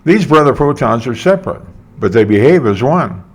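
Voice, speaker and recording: A man's voice: medium pitch, expressive, moderate pace, slightly rough, pitched above the performer's own voice. An older man voicing an irritated male government engineer explaining things.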